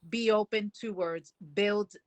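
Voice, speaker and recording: A woman in a committee meeting, speaking over a video call whose audio keeps breaking up, in short halting phrases. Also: medium pitch, no room sound. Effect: choppy video call audio breaking up. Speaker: committee member. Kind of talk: meeting discussion.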